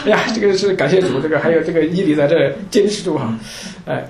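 Brief: fast, jokey Bible class leader, lively delivery, echoey room. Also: mid-range voice, a crowd in the background. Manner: chatty, joking, laughs often, many restarts. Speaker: Bible study teacher. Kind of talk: informal Bible class talk. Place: church meeting room with a group. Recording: roomy room echo.

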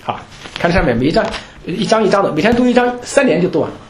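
Brief: fast, jokey Bible class leader, lively delivery, echoey room. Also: mid-range voice, crowd noise. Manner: chatty, joking, laughs often, many restarts. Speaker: Bible study teacher. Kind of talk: informal Bible class talk. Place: church meeting room with a group. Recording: roomy room echo.

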